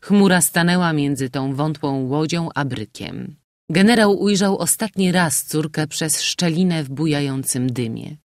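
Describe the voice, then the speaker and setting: A man's voice: a little high, expressive, measured pace, dry recording. Man narrating a novel audiobook, dry sound.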